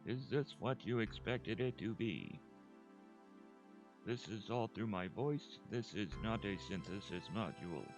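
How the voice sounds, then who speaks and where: A gravelly, croaking male robot whose pitch lurches up and down in glitchy jumps, as a man puts it on. The low, rough voice is made on the in-breath and stays deadpan and mechanical throughout. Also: measured pace, over music. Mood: robotic deadpan. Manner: glitchy pitch jumps, spoken while inhaling. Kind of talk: casual livestream voice demo.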